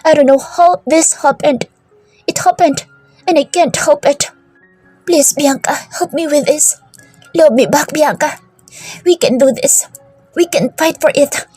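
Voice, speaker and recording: A woman reading as an earnest young man pleading for love, in a storybook romance. The voice sits high and soft, in a dry close recording with faint music beneath. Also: takes it slowly, long pauses, dry recording. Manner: soft, pleading, mixing Tagalog and English.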